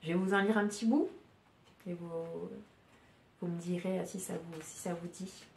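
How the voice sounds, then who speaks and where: A woman hosting a podcast from home, chatting casually and haltingly, with many fillers and restarts. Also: on the low side, steady tone, reverberant, slight background noise. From France. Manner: hesitant, many fillers and restarts, soft-spoken. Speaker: podcast host. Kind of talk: casual chat.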